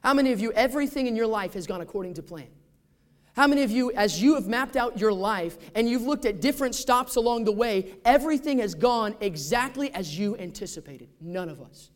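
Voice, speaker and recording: Male pastor, high-pitched, conversational sermon delivery with rhetorical questions. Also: expressive, fairly quick.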